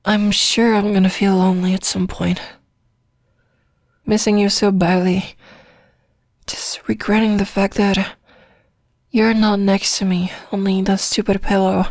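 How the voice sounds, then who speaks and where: Woman for ASMR role-play, sleepy long-distance girlfriend: tender, drowsy, rambling, flat gentle intonation, very dry close sound. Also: medium pitch, dry recording. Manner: soft, drowsy, intimate, rambling with pauses.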